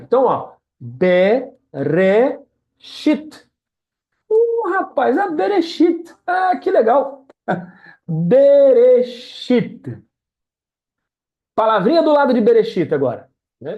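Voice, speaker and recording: A woman tutoring a student one-on-one in reading Hebrew, patient and encouraging, speaking over a video call. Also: medium pitch. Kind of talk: one-on-one language lesson. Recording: dull lo-fi sound.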